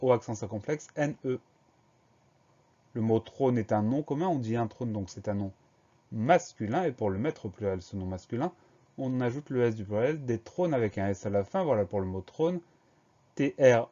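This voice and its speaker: A man gives a spelling lesson for young pupils, breaking each word into syllables and spelling it letter by letter. His voice sits in a middle pitch with a mellow, relaxed tone. The recording sounds a little muffled and lo-fi. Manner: slow, careful letter-by-letter dictation. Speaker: teacher.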